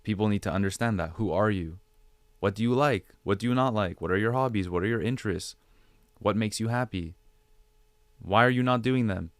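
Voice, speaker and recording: A man appears as a podcast guest and digital creator, offering conversational advice full of rhetorical questions and phrases repeated for emphasis. His voice is on the low side and fairly quick, with no room sound.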